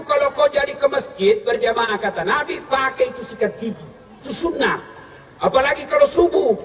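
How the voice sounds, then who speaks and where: A man giving a humorous sermon as a preacher, telling stories in a lively way and breaking into shouts for punchlines. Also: very high-pitched. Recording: echoey room, distant mic, crowd and noise.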